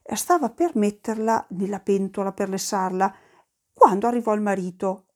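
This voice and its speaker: A woman telling a folk tale, with lively asides in local speech. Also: mid-range voice, normal speed. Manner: lively, slips into dialect asides. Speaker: storyteller. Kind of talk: folk storytelling.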